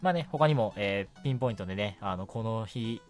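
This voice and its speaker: With a lowish, animated voice and a brisk pace, this late-night radio host chats solo about anime and manga as faint music plays. His phrasing is polite and conversational, punctuated by frequent quick affirmations to himself.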